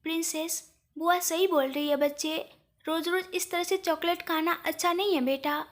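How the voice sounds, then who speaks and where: A woman voicing an affectionate young father, speaking gently in a storybook reading. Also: high voice, steady tone, a little slow. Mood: fond. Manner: gentle, fond tone.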